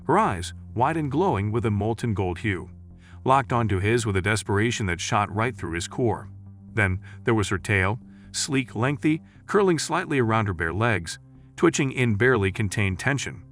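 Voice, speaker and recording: Low, lively male sci-fi narrator. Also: normal speed, soft background music. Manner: dramatic, vivid storytelling. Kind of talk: scripted story narration.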